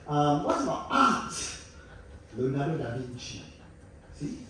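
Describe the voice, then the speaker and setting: A man's voice: fairly high pitch, very animated, takes it slowly, sharp tone, recorded from a distance, a little hiss or hum. A man in his sixties with a Singaporean English accent, doing live stand-up on a theatre stage and teasing the audience playfully. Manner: playful, teasing banter with the audience, bursts of laughter. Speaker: stand-up comedian. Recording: echoey hall, mic picked up from afar.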